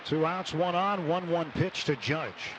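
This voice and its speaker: A man with a fairly high-pitched voice calls live baseball play-by-play on the radio from a stadium broadcast booth, with background noise. He's measured between plays and gets excited on the big ones.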